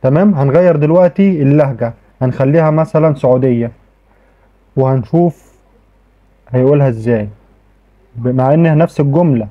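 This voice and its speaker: Fast-talking Egyptian man, tinny audio. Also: mid-range voice. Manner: chatty, repeats "okay" often, frequent restarts. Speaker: tech tutorial host. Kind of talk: casual screen-recorded tutorial.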